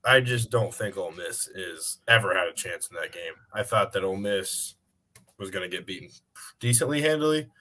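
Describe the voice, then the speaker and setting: A man's voice: sits low, expressive, brisk, sharp tone. A man co-hosting a casual sports chat, giving hedged, opinionated takes with lots of fillers. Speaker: co-host.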